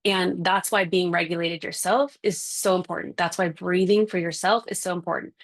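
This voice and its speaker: A woman's voice: fairly low pitch, fairly even intonation, moderate pace. A woman, a parenting specialist, giving a conversational, emphatic talk full of rhetorical questions.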